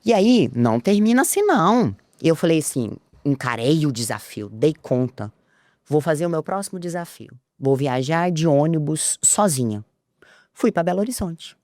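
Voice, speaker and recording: Low-voiced Brazilian woman telling stories. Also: moderate pace, no echo, studio quality. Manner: animated storyteller acting out dialogue. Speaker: interview guest. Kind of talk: storytelling in a podcast interview.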